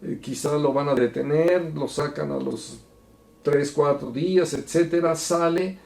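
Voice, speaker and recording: A man teaching a Bible study in an earnest, preacherly way, going from soft to emphatic. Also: on the high side, unhurried, creaky. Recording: echoey room.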